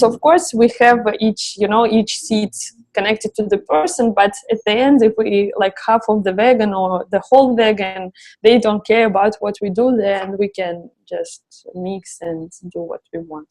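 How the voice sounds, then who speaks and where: Woman, hoarse, searching for words, interview answers. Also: mid-range voice, normal speed, darkish tone, low-quality recording. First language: Russian. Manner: searching for words, many restarts and fillers. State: losing her voice. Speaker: founder of a travel project.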